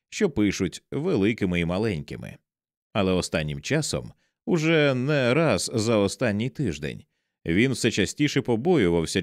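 A man reading a horror novel aloud as an audiobook narrator, with measured, dramatic storytelling. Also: no echo, studio quality. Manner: measured, dramatic storytelling with wide swings in pitch.

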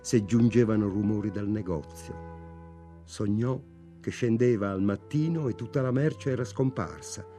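Low-voiced man narrating a novel. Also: measured pace, dark tone, soft background music. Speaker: audiobook reader. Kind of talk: literary audiobook narration.

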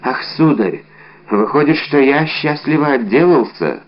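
A man's voice: mid-range voice, animated, measured pace, lo-fi sound, pitched above the performer's own voice, natural voice. A man voicing a timid, frightened servant who speaks nervously and pleadingly to his master.

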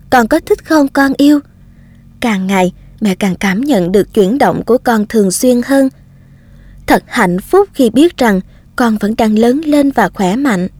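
A woman's voice: a little high, no room sound. A woman voicing a loving young mother writing tender letters to her baby. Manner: tender, softly reading out letters.

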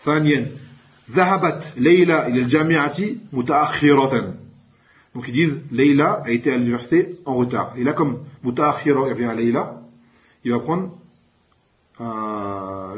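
A man teaching a classroom Arabic lesson in French, calling out each new word louder and then slowly explaining it. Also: medium pitch.

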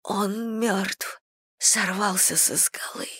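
A woman doing a hoarse, hurt young woman. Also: on the low side, steady tone, slow pace, a bit bright, dry recording, studio quality, exaggerated voice. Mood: anguished. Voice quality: hoarse whisper. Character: wounded young woman in pain.

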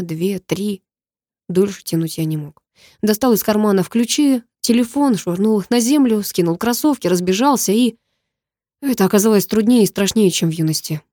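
A woman reads a dramatic first-person story in a warm, mellow voice, and the tension carries through her narration. The recording is dry and close, with no room sound. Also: mid-range voice, dry recording. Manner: tense, emotional storytelling. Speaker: audiobook narrator.

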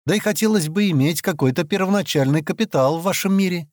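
A man doing a sharp polite young guy. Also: high-pitched, no echo, studio quality, voice pushed up, natural voice. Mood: calm. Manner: measured, businesslike.

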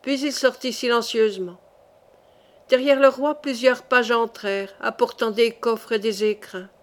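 A woman reading a classic novel aloud as an audiobook narrator, with steady, measured storytelling. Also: a little high.

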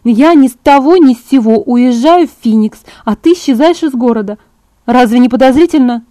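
A woman's voice: sits high, brisk, dark tone, no echo, pitched above the performer's own voice, lightly acted. A woman reading an audiobook, voicing a stubborn, anxious teenage girl who pleads in a raised, urgent voice. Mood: insistent.

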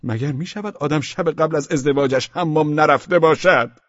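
A man narrating a humorous audiobook in a wry, expressive storytelling manner. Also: fairly high pitch, no room sound, lo-fi sound.

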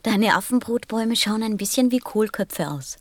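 A woman plays a small boy prince from another planet in a radio play. He is gentle and earnest, with a childlike seriousness. The sound is dry, with hardly any room around it. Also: medium pitch, expressive, normal speed, dry recording, close to an everyday voice. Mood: earnest, frank. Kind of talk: audio drama acting.

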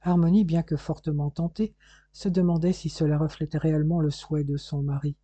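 A man reads a novel aloud in calm, measured narration. His voice sits a little high but sounds very dark, mellow and husky. The recording is dry and slightly dull, with no room sound. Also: dry recording. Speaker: audiobook narrator. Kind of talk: scripted narration.

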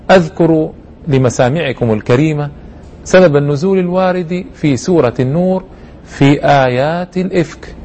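A man's voice: on the high side, a little mellow. A man hosting a religious programme, lecturing listeners in formal Standard Arabic with an earnest, reverent manner. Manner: earnest, reverent, rhetorical questions.

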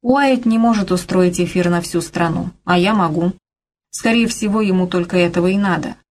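A woman voicing a calm, determined male TV journalist, speaking in a businesslike way. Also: on the low side, normal speed, slight background noise, close to an everyday voice.

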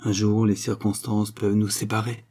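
A man's voice: on the low side, monotone, moderate pace, darkish tone, natural voice. A man voicing a pompous, self-satisfied aristocratic count who lectures at length. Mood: grandiloquent. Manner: grandiloquent, lecturing, full of himself.

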